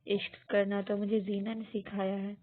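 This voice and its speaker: A woman's voice: mid-range voice, flat delivery, close to an everyday voice. A woman voicing a cool young husband. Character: self-assured young husband, calm. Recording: tinny phone-like audio.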